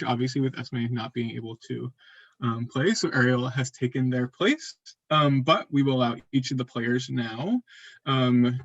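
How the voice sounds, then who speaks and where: A man's voice: mid-range voice, no echo. A man hosting a live online social strategy game over a video call, upbeat and full of fillers. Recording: dull lo-fi call audio.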